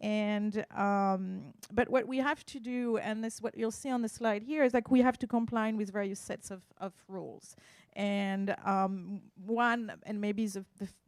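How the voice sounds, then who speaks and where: A woman's voice: mid-range voice, darkish tone. A woman with a French accent gives a slide presentation as an art appraiser. She feels her way through phrases, with hesitations and asides. The sound is dry, with very little room echo. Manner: hesitant, searching for words, with asides.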